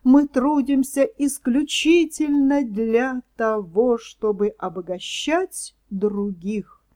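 A woman voicing a sly, scheming fox swindler in a storybook reading, talking smoothly and persuasively. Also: a little high, slow pace, mellow. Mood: coaxing.

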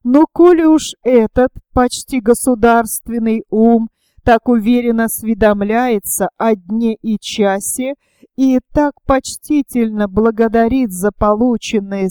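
Blunt scheming young man in an audiobook, curt and rough, read by a woman, mellow and dry. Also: fairly high pitch, dry recording, natural voice. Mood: scornful thought.

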